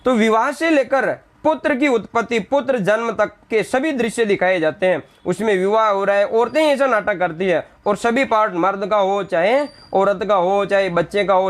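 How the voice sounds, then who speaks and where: A male teacher explaining a Hindi textbook lesson, reading lines and then retelling them in simple words. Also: high-pitched. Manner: briefly acts out the village women's scolding lines. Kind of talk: classroom lesson explaining a text.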